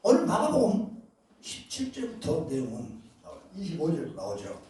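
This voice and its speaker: A male pastor preaching a sermon, emphatic, with loud bursts and asides, often questioning his congregation. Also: on the high side, wildly swooping pitch, normal speed. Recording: very echoey hall, voice far from mic.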